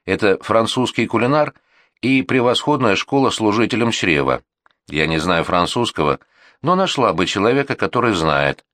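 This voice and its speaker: A man's voice: on the low side, expressive, normal speed, fairly bright tone, dry recording, clean studio sound. A male audiobook reader voicing an indignant, thrifty middle-aged housewife in a talkative, complaining way.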